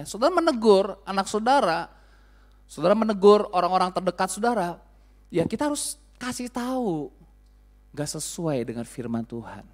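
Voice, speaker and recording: Playful male pastor preaching casually. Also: high-pitched. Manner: casual, joking, acts out quoted scoldings. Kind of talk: sermon.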